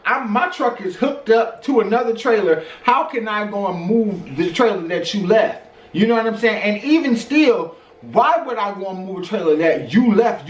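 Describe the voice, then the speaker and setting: A man tells a story to camera in a lively, slangy way and keeps throwing out rhetorical questions. His voice sits a little high for a man. He sounds a step back from the mic in an echoey room with faint ambience behind him. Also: far from the mic, a little hiss or hum. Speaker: vlogger. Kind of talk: storytime vlog.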